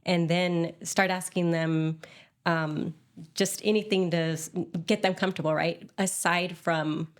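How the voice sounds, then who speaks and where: A woman speaks as a guest in a casual interview, her voice a little low for a woman. She talks calmly and gently, often tagging her points with a quick "right?". The tone stays soft and unhurried. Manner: soft-spoken, calm, checks in with "right?". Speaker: wedding photographer guest.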